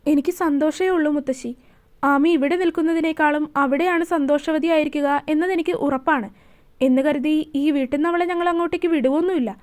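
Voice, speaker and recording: A woman's voice: high-pitched, steady tone, brisk, a little mellow, close to an everyday voice. A woman voicing an emotional middle-aged mother who speaks kindly and falters a little. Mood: moved.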